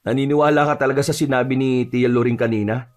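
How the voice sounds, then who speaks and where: A man's voice: medium pitch, fairly even intonation, fast. A man narrating an audio horror story and voicing its earnest lead character.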